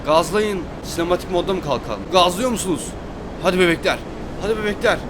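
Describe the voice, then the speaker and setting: A man's voice: high voice, lively intonation, fast talker, background noise. A young man giving hyped, exclamatory commentary over gameplay, talking straight to his viewers. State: fasting. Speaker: gaming YouTuber.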